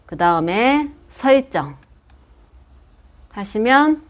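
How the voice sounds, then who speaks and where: A woman's voice: on the high side, sing-song, drawn-out words. A woman teaching a computer class, patiently guiding students through a program step by step. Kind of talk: step-by-step software lesson. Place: senior welfare center classroom.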